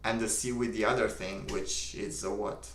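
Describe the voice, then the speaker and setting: A young man from Romania with a Romanian accent, calmly reading viewer comments aloud and answering them on a live stream. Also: on the low side, moderate pace, reverberant, a little hiss or hum. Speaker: livestream host. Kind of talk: casual live-stream chat.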